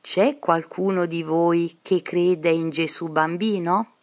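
A woman's voice: lowish voice, steady tone, slow pace. A woman voicing a malicious schoolteacher who quizzes her pupils in a coaxing, questioning way. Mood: probing.

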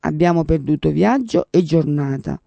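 A man's voice: a little high, lively intonation, normal speed, gravelly, mellow, no room sound, muffled recording. A man voicing a humble, pious male lawyer in a devotional tale. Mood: gentle.

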